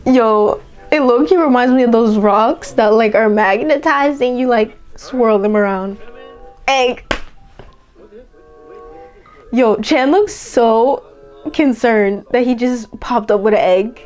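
A young woman hosting a reaction video, chatting casually and excitedly, full of slang and fillers as she reacts. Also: on the high side, measured pace, soft background music. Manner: excitable, gushing, peppered with "yo" and "like".

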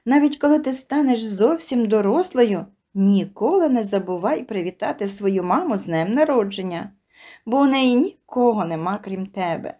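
Woman reading a gentle kindly flower seller. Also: mid-range voice, expressive, normal speed, natural voice. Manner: gentle, soothing.

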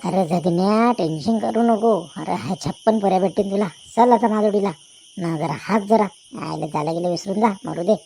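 A voice actor playing an excitable older village man who talks loudly and fusses over his young friend in a cartoon. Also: normal speed, vocal fry, soft background music, natural voice. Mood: consoling. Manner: loud, high, fussing questions. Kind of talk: cartoon voice acting.

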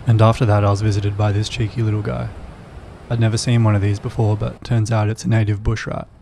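Low, even-voiced man narrating. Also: quick pace, gravelly, slight background noise. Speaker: vlogger. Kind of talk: calm voice-over narration. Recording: voice-over with loud background music.

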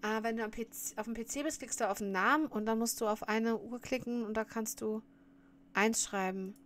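A woman's voice: on the high side, fairly quick, a little hiss or hum. A woman streamer chatting casually while reacting to a clip, often laughing and scolding her viewers.

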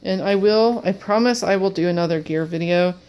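Speaking a little fast in a smooth, darkish, medium-pitched voice, a woman chats apologetically as she trains her service dog. She sniffles, rambles and repeats words, and she is in a cluttered room at home with a wood floor.

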